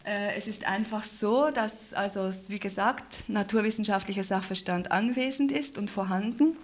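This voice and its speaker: A woman presents live from a radio studio as part of the editorial team. She speaks earnestly and wordily, often correcting herself, at medium pitch and a moderate pace.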